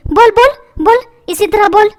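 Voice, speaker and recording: A woman's voice: very high-pitched, moderate pace. A woman voicing a spoiled, scheming young boy who wheedles and bosses his father around. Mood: hawking. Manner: wheedling, bossy. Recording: noisy background.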